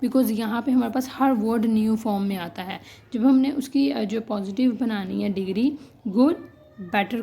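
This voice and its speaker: Slow, gravelly-voiced woman teaching grammar. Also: on the high side, slight background noise. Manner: checks in constantly with "ठीक है?", spells out word endings letter by letter; addresses students as "बेटा", gently reassuring. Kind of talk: classroom-style grammar lesson mixing Hindi and English.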